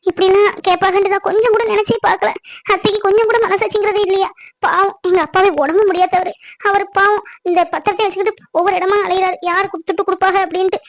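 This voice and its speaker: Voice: extremely high pitch, little pitch movement, quick pace, dry recording. A performer voicing a worried young bride-to-be in a cartoon, speaking in a pleading, anxious way. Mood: upset. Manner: pleading, anxious, breaks into tears. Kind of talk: cartoon voice acting.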